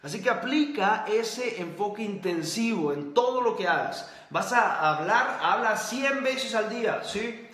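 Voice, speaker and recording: In an echoey room, a man with an expressive, fairly bright voice that sits high gives an emphatic motivational talk to camera. He repeats key phrases and peppers the audience with quick yes-or-no questions.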